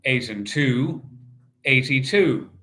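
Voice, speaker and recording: A man working as a bingo caller, calling out numbers in set phrases and repeating each in a measured, sing-song way. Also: medium pitch, expressive, sharp tone.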